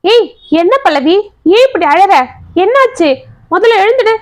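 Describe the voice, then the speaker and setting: A woman voicing a kind young husband in a story, speaking softly and affectionately to comfort his wife. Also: high voice, normal speed, dry recording, natural voice. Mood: concerned. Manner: soothing, affectionate.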